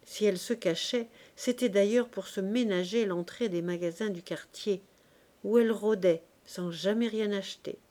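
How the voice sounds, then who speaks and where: A woman narrating a classic novel as an audiobook in a measured, expressive reading. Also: medium pitch. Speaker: audiobook reader.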